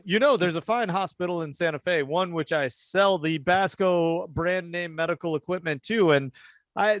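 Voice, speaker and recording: A pushy traveling salesman, put on by a man running a tabletop game. He talks in folksy, self-important patter, in a slightly high voice. The sound is close and dry. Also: no echo. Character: smooth-talking, folksy, pushy male traveling medical equipment salesman. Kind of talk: improvised tabletop role-play.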